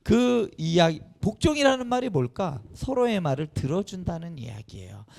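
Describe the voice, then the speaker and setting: A man's voice: sits high, moderate pace, vocal fry. A man preaching a children's sermon as pastor, often asking the children questions and calling on them. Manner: animated, questioning the children directly. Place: church sanctuary.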